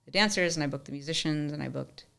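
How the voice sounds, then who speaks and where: A young woman telling a personal story as a podcast guest, animated and chatty, leaning on "like" a lot. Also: deep voice, fast talker, creaky, clear, resonant tone. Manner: animated storyteller, often says "like". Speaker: podcast guest, musician and entrepreneur. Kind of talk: storytelling in casual interview.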